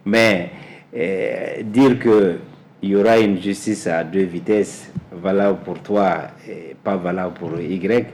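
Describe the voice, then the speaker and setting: A man speaks slowly in a fairly low voice. He answers interview questions deliberately and repeats words as he searches for the right one. Faint noise sits under his voice. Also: fairly even intonation, darkish tone. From Mali. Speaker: guest, energy specialist.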